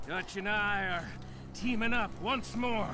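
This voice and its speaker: An actor playing an older, taunting American outlaw villain in a western video game, with a sneering drawl and music under the dialogue. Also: male voice, high-pitched, unhurried. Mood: smug, persuasive.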